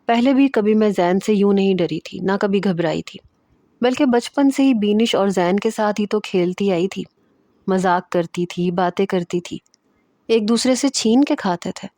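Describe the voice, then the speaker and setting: A woman reading a first-person romantic story aloud in a steady, expressive way. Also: medium pitch, no room sound.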